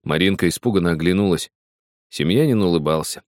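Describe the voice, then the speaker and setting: A man narrating a story in a measured, expressive reading. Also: low voice, no room sound, clean studio sound. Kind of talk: audiobook reading.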